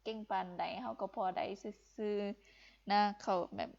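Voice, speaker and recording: A woman's voice: mid-range voice, level tone, slow, darkish tone, dull audio. A young woman from Laos teaching Vietnamese in a live-streamed lesson, encouraging and repeating phrases for emphasis.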